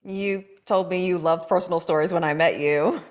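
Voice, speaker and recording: At a comedy table read, a woman with a lowish, natural voice reads the part of a frustrated TV writer. She speaks at normal speed with fairly even intonation, earnest and pointed as she pushes back.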